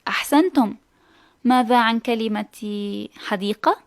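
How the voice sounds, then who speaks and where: A woman hosting a scripted children's lesson, speaking clearly and encouragingly. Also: fairly high pitch, unhurried. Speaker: teacher host.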